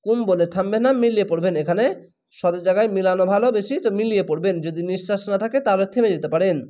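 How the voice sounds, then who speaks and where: A man teaching Quran reading in a spelled-out lesson, drawing out recited words very slowly and then explaining each rule in a plain, instructive voice. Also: high voice, mellow.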